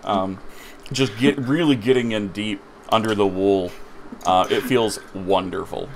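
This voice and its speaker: Male game master for a tabletop game, low-pitched and slow, halting, heavy on fillers. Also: slight background noise. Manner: halting, many fillers, laughs often.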